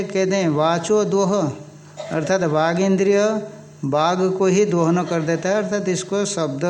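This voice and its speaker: A man giving a scriptural lecture, reciting Sanskrit verses and explaining them slowly and deliberately. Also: on the high side, a little mellow. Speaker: teacher expounding an Upanishad.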